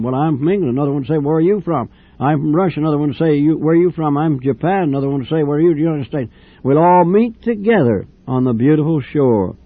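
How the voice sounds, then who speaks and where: An older man preaching a fervent sermon with repeated, drawn-out phrases. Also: on the high side, dry recording. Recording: tinny old radio broadcast.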